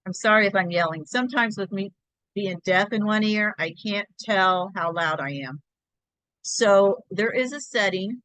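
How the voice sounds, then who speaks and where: A woman's voice: medium pitch, moderate pace, fairly bright tone, no room sound, low-quality recording. A woman hosting a crafting tutorial, talking step by step through a screen-share in a chatty, think-aloud way.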